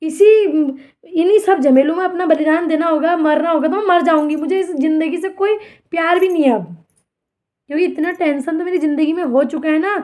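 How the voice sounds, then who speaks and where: A woman's voice: extremely high pitch, fairly quick, a little mellow. A young woman, speaking to her camera in an emotional rant, aggrieved and defiant, repeating herself as she pleads her case. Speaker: vlogger. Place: outdoors in front of a temple.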